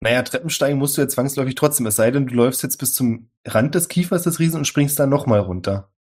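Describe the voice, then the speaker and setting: Husky-voiced man running a tabletop game. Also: medium pitch, quick pace, darkish tone. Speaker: game master.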